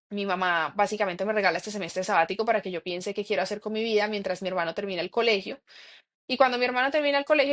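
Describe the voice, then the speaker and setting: A woman's voice: medium pitch, fairly bright tone. A young adult woman from San Andrés island telling her life story in a casual interview, full of fillers. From San Andrés island, Colombia. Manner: chatty, lots of fillers like "o sea" and "como". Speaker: interview guest, expedition guide.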